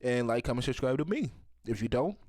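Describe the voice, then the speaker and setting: A man's voice: mid-range voice, expressive, fairly quick, darkish tone, dry recording. A man hosting a reaction video, talking casually in a rambling, joking, profane way.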